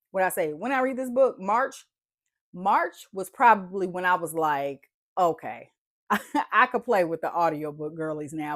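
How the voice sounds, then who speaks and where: In a dry, clean studio recording, a woman with a fairly low, stuffy and congested voice talks about books she loved. The book vlogger keeps it casual and animated, chatty and heavy on "y'all" and "like."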